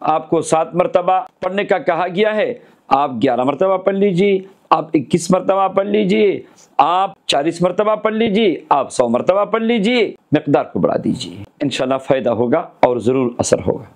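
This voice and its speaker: A man giving a religious lesson in speech, preaching in a measured way, lifting his voice on key phrases and then letting it fall low, and listing points in steady repetition. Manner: lists items in steady repetition. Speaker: Islamic cleric.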